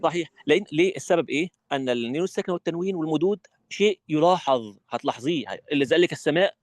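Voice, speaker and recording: A man with an Egyptian Arabic accent teaching Quran recitation rules in an online training session, animated and demonstrative. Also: a little high, racing, no room sound. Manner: animated, demonstrative, acts out his classroom.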